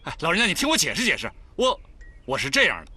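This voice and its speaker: An actor playing a sly traveling quack doctor in a period TV drama, fawning and evasive. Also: male voice, on the high side, wildly swooping pitch, quick pace, sharp tone, husky, dry recording, heavily acted.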